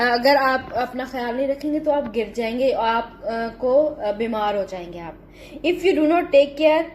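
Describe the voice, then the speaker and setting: A woman teaches a school English lesson, mixing explanations with slow, deliberate readings of sentences. Her voice sits fairly high. A faint noise runs under the recording.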